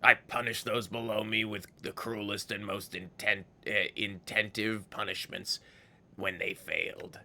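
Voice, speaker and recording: A man voicing a bitter, scornful old exiled fiend for a game, with a gravelly, ghoulish voice and theatrical, villainous delivery that savors its words. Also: fairly low pitch, fairly even intonation, unhurried, bright, forceful tone, heavily acted. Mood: anguished, indignant. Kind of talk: dramatic video game character read-aloud.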